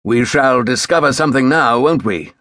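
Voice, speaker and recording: A man voicing a brisk, commanding naval captain who is curt and impatient with questions. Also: medium pitch, a bit bright, no room sound, studio quality, lightly acted.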